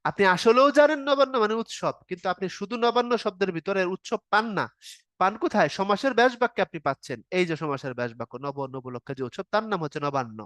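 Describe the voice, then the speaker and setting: A man's voice: high voice, big pitch swings, fast talker, a bit bright, smooth, no echo, clean studio sound. A man teaching a grammar class online, explaining step by step in an informal spoken style and asking the students questions. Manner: informal spoken style, casual verb forms. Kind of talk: online exam-prep lecture.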